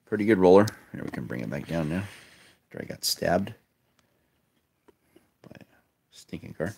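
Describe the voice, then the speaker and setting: A man's voice: deep voice, sing-song, normal speed, creaky, darkish tone, slight background noise. A man casually commenting while opening a lot of old toy cars, chatty and wry with muttered asides, filmed on a handheld phone at a table indoors. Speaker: toy collector vlogger. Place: indoors at a table, filming toys close up.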